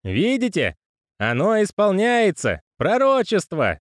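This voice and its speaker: Brief: man playing an old postman, high and squeaky, frantic and pleading, leaps all over his range. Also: huge pitch swings, slow pace, no echo, studio quality, full character voice. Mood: agitated. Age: older. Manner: shrill, agitated and pleading. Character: excitable, credulous old male postman.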